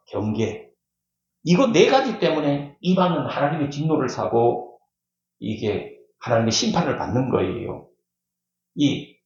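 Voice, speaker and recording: Animated male pastor in an echoey church. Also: a little high, gravelly. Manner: emphatic, repeats key words, asks the congregation questions. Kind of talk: sermon. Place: church sanctuary. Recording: echoey church hall, dull lo-fi sound.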